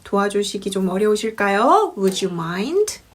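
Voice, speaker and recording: A woman teaching an English lesson, repeating example sentences slowly and clearly. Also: medium pitch, very animated. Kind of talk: language lesson.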